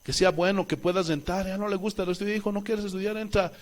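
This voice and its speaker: A man with a Bolivian Spanish accent preaching a sermon as pastor in a church, asking the congregation questions and swinging between loud calls and soft asides. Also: high-pitched, steady tone, fast.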